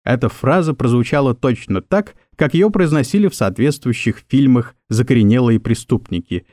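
A man narrates an audiobook story from a script, in an expressive storytelling manner. His mid-range voice moves at a moderate pace, and the recording is dry and studio quality.

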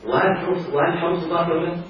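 Fast-talking Egyptian teacher in echoey room. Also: male voice, a little high, fairly even intonation. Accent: Egyptian Arabic. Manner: quizzes students constantly, asking whether they follow. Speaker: grammar teacher. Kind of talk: classroom grammar lesson. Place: classroom. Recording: very echoey room, mic far off, dull sound, faint hiss.

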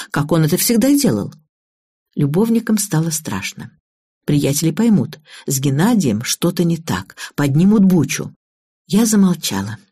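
A woman narrates a first-person audiobook in an even, matter-of-fact tone. Her voice is low and husky, with a mellow, dark colour. The recording is dry and close. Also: no room sound.

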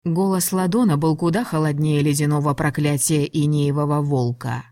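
Woman audiobook narrator, lower voice, measured, dry close recording. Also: steady tone, dark tone, dry recording. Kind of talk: first-person audiobook narration.

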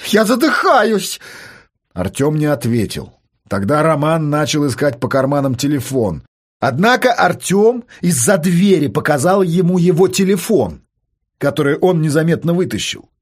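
A man reading a story aloud, narrating in a steady, dramatic way. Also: on the high side, moderate pace.

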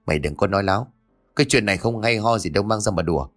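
A man's voice: fairly low pitch, rapid-fire, faint music behind, natural voice. A man voicing a short-tempered father scolding his son harshly. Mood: angry. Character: gruff middle-aged father, short-tempered.

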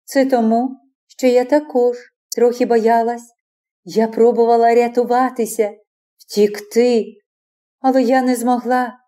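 A woman's voice: fairly high pitch, level tone, a little slow, dark tone, close to an everyday voice. A woman reading the part of a passionate young woman who turns from imperious to pleading, in an audiobook.

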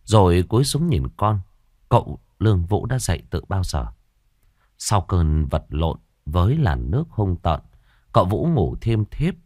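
A man narrating a ghost story as a storyteller, slow and expressive. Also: sits low, dry recording, studio quality.

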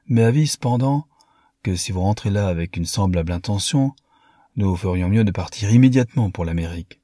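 A man's voice: lowish voice, lively intonation, fairly quick, mellow, dry recording, clean studio sound. A man reading an audiobook, voicing a blunt American man who scolds his friend. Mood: reproachful. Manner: blunt, reproachful.

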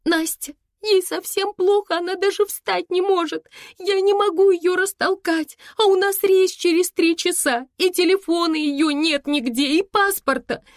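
A panicked teenage girl in a storybook reading, her voice pitched high and thin as she sobs and pleads, put on by a woman. The sound is dry and close. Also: unhurried, darkish tone, no room sound. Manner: crying, pleading, breathless.

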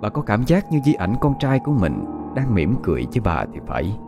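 A man narrating a ghost story in a steady, somber way. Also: lowish voice, brisk, creaky. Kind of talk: scripted horror narration. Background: faint music.

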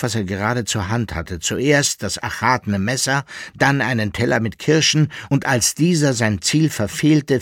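A man reading a historical novel aloud in a calm, deliberate narration. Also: medium pitch, no room sound, studio quality. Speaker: audiobook reader. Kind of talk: literary narration.

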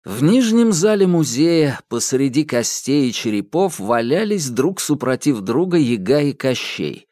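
A man narrating a fairy tale audiobook, expressive and acting out voices. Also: mid-range voice, a little slow, few pauses, dry recording, clean studio sound. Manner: expressive storytelling, acts out voices.

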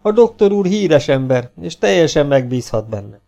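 A man's voice: a little high, big pitch swings, gravelly, mellow, faint music behind, voice pushed up. A man voicing a chubby, dim-witted asylum orderly who speaks in an eager, fawning way.

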